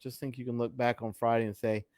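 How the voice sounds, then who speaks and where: A man's voice: mid-range voice, flat delivery, fast, a little mellow, no room sound, clean studio sound. A middle-aged man co-hosting a casual live-stream chat, joking and exclaiming often with trailing asides.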